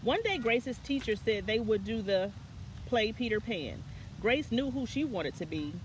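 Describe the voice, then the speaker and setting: A woman's voice: on the high side, big pitch swings, unhurried, slight background noise. A woman reading a children's picture book aloud as a story time reader, now and then stumbling and correcting herself.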